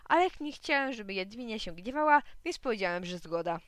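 A woman reading a children's story aloud in a lively, expressive way. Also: a little high, quick pace, no room sound. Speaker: reader.

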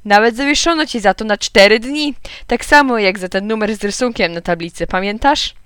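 Kobieta grająca rubasznego, głośnego wesołka. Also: female voice, fairly quick, a bit bright, clear, resonant tone, no echo, clean studio sound, lightly acted. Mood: jovial teasing. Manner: booming, hearty teasing. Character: jovial loud middle-aged man, teasing joker.

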